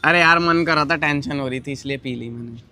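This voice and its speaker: A man's voice: fairly high pitch, a little fast, pushed and bright. A young man filming a prank vlog, teasing and defiant as he brushes off his partner's scolding. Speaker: vlogger.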